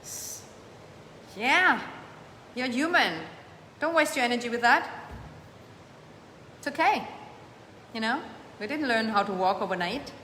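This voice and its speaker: Female live-stream coach, slightly high, encouraging and emphatic; echoey room with faint background hum. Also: expressive, unhurried, long pauses. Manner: warm, emphatic, repeats phrases for emphasis; reads viewer comments aloud and answers them. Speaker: host of a live coaching show. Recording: echoey room with long reverb, faint ambience.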